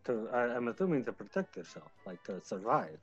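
A man playing a tabletop game, talking in a halting way with many fillers and stammered restarts. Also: mid-range voice, very animated, breathy edge, highs cut off, faint music behind. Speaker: player. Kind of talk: casual tabletop role-play.

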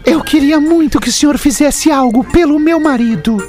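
A male comedian voicing a woman pleading with a doctor in a slow, begging tone, heard a little distant over music. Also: very high-pitched, voice pushed up.

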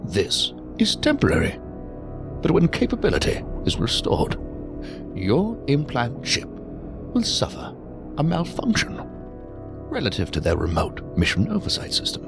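A man's voice: mid-range voice, wildly swooping pitch, a little slow, gravelly, long pauses, over music, full character voice. An actor playing a cryptic, coolly condescending male intelligence operative in a science fiction audio drama, with stilted, pedantic, precise diction.

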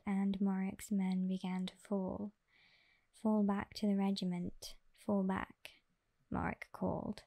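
A woman reading aloud in a soft ASMR whisper, close to the microphone. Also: medium pitch. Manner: soft and even, unhurried. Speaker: ASMR reader.

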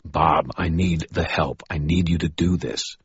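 A man's voice: extremely low pitch, fairly even intonation, a little slow, breathy edge, no room sound, lo-fi sound, pitched above the performer's own voice, exaggerated voice. A man voicing the first-person hero in dialogue, tense and pleading. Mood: urgent. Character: urgent young man pleading for help.

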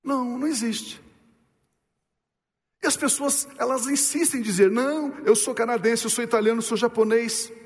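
In a room with a big, spacious sound, a pastor delivers his sermon, asking the congregation rhetorical questions and driving points home by slowing down and lowering his voice.

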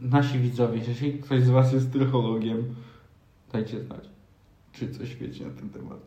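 A man's voice: medium pitch, little pitch movement, moderate pace, dark tone, muffled recording. A young man co-hosting a casual chat, musing aloud with half-serious, sarcastic theories. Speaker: podcast co-host. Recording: echoey room.

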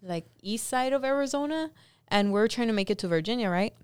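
A woman hosts a casual conversation and tells a story with animated energy, slipping into the quoted lines. Her voice is smooth and clean. The sound is close and dry. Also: a little high, brisk, no room sound. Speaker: host.

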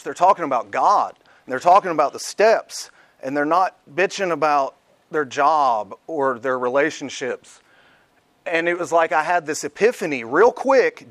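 A man with a somewhat high voice shares his personal testimony at a recovery meeting, talking candidly and bluntly with a bit of casual swearing. The sound is dry and close. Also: fairly bright tone, dry recording. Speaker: speaker sharing recovery story at a twelve-step meeting.

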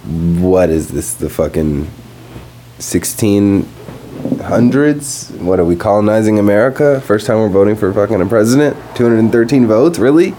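A young man talking casually and profanely on his podcast while high, rambling from one thought to the next. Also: animated, moderate pace, mellow, slight background noise. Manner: rambling, profane, laid-back. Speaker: podcast host. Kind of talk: casual stoned podcast monologue. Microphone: podcast microphone.

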